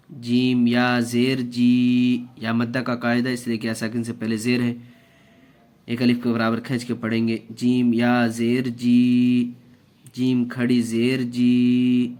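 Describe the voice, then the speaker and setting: Male Quran teacher for a reading lesson; clear resonant voice, steady unhurried drilling of syllables. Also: mid-range voice. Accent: Indian Urdu-Hindi. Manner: slow, deliberate syllable-by-syllable drilling, even tone. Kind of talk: spelling-out Quran recitation lesson.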